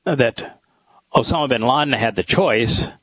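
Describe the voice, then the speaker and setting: A man hosting a talk show with scripture study, speaking in a halting, thoughtful way with many pauses. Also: medium pitch, crowd noise, rough recording. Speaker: host.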